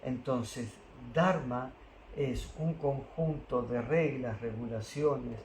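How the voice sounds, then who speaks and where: A man, calmly explaining spiritual philosophy with pauses and Sanskrit terms. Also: medium pitch, reverberant, a little hiss or hum, poor audio. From Argentina. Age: 60s. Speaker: spiritual teacher.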